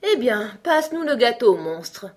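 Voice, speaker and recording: A woman's voice: a little high, very animated, pitched above the performer's own voice. A woman voicing a sleepy, lazy male lion who drawls and grumbles in a storybook reading. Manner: slow, yawning, grumbling.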